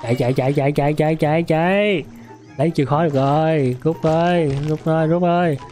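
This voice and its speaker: A young man with a sore, hoarse throat streams a mobile game, yelping and repeating himself as he reacts. His voice sits a little high. Faint music plays underneath. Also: fast. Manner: excitable, yelps and repeats words. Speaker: gaming streamer. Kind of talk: excited game commentary.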